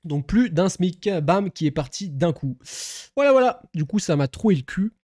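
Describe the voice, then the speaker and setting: A man's voice: sits high, expressive, moderate pace, darkish tone, no echo, clean studio sound. A young man chatting casually on a live stream, rambling with many fillers, swearing and laughing at himself.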